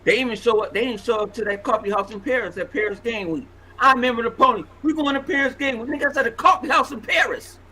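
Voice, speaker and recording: A man in his forties hosting a podcast, ranting in a loud, profane, animated way. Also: very high-pitched, fast talker, hardly any pauses, low-quality recording. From Los Angeles. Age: 40s. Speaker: podcast host. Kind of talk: casual podcast banter.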